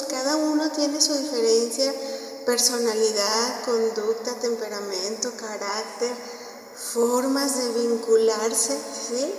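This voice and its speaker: Slow-spoken Mexican woman in an echoey hall. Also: on the high side, a little mellow. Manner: storytelling, often checks in with "¿sí?". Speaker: speaker at a parish family talk. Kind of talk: informal parish talk with anecdotes. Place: parish hall. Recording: very echoey hall, voice from far off, faint noise.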